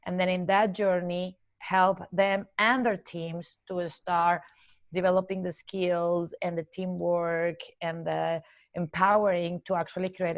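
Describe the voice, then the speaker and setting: A woman from Colombia with a Colombian accent, a corporate trainer and coach answering podcast interview questions earnestly and laying out her ideas in measured steps. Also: fairly low pitch, creaky, no room sound.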